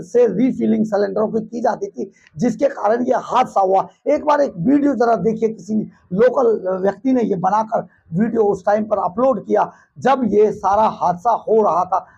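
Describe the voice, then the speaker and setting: A man's voice: high voice, normal speed, vocal fry, hardly any pauses, a little mellow, breathy edge, dull audio. A man presenting news commentary over footage, combative and mocking.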